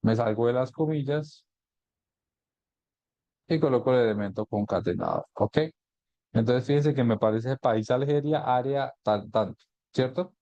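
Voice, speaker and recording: A man teaching an online class on mapping software, explaining each step and often checking in with a quick question. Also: medium pitch, dry recording, muffled recording. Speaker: GIS instructor. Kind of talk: live online class, screen-share tutorial.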